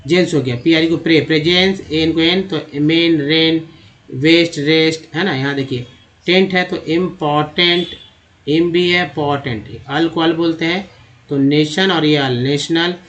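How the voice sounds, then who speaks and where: A man's voice: on the high side, steady tone, unhurried, fairly bright tone, dull audio, slight background noise. A man teaching English reading from slides. He spells out letters and sounds out word parts, and he repeats himself often. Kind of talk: slide-based lesson.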